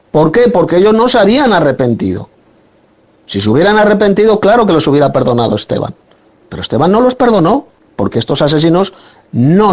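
A man's voice: sits high, a little mellow. A man arguing a Bible passage in a preaching style, insistent and repeating his point emphatically. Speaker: Bible teacher in a debate. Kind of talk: preaching argument.

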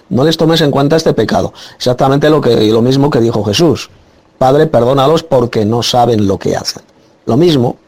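A man arguing a Bible passage in a preaching style, insistent and repeating his point emphatically. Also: medium pitch. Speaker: Bible teacher in a debate. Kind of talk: preaching argument.

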